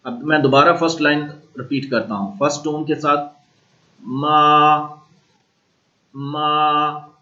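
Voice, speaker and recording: A man with a Pakistani accent giving a recorded university lecture, explaining slowly and repeating sounds aloud to model them. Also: fairly high pitch, fairly bright tone, lo-fi sound. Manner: slow, repetitive explaining, modeling tones aloud. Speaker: language teacher.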